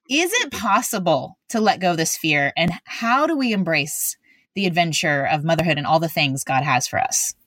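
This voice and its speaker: A woman's voice: fairly low pitch, a bit bright, no room sound. A woman hosting a conversational podcast in an earnest, encouraging way. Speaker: podcast host.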